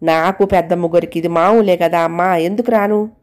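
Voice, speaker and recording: A woman's voice: lowish voice, steady tone, brisk, darkish tone, close to an everyday voice. A woman voicing a poor, plain-spoken older housemaid who talks in rustic colloquial speech. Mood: caring.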